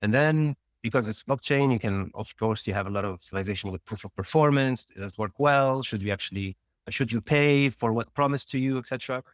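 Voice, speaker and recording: With no echo on the audio, a medium-pitched Tunisian man shares how his career unfolded as a startup founder. He's a guest in an informal interview and speaks rapidly, rambling and restarting as he goes.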